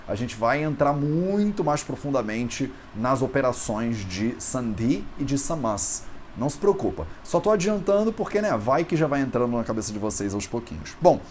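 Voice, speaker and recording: A man with a Brazilian Portuguese accent teaching an online lesson, patiently repeating words slowly to show how they are pronounced. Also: medium pitch, a little hiss or hum. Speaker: Ayurveda and Sanskrit teacher.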